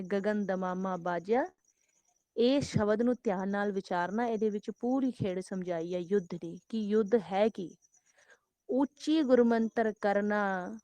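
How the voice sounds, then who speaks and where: A woman delivers a devotional sermon in a steady mid-range voice. She chants scripture in slow, drawn-out lines and builds emphasis through repetition. The sound is dry and close, with faint crickets behind her. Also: medium pitch, no room sound. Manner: repetitive, rising emphatic exhortation. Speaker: Sikh preacher giving katha.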